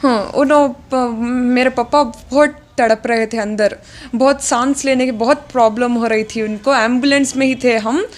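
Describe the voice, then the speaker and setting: A young woman telling an interviewer what happened, in a halting way with many fillers and English words mixed in. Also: fairly high pitch, steady tone. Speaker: interviewee, daughter of the deceased. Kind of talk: recounting events in an interview.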